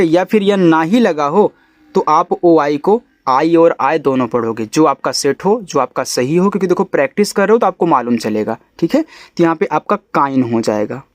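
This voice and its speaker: A man teaching an English reading lesson, who spells out each letter slowly and then says the whole word lower and softer, checking in with his students. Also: no echo. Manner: coaxing, checks in with "ठीक है?". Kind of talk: step-by-step phonics lesson.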